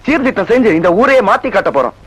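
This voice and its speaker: An actor playing a cheeky young village man who talks back quickly in a comedy film. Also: very high-pitched, sing-song, a bit bright, husky, heavily acted, rough recording. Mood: defiant. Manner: quick, cheeky, defiant retorts. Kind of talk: Tamil film comedy acting.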